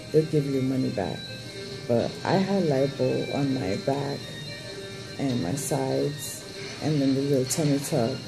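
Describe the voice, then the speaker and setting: A woman in her thirties, a vlogger, gives a casual surgery update in a low, creaky voice over poor audio. She's candid and blunt, rambling along and swearing freely.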